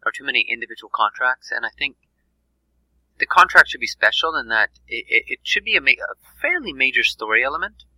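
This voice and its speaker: A man talking casually on a podcast, halting and repeating words before getting his point across. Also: medium pitch, big pitch swings, bright, forceful tone, no echo, rough recording.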